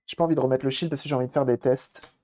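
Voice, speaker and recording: A man's voice: mid-range voice, steady tone, racing, dark tone. Chatty man live-streaming a console repair. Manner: chatty, thinks aloud while tinkering, greets viewers. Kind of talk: casual live-stream commentary.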